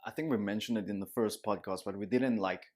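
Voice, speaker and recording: A man's voice: on the low side, fast talker, a little mellow. Young man, podcast co-host, earnest and meandering. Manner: earnest, rambling with restarts. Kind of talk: casual chat.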